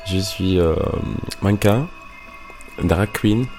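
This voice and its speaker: A Moroccan drag queen in his twenties talks casually about his life in a personal interview monologue, full of fillers and restarts. His voice is deep and slow, with music in the background.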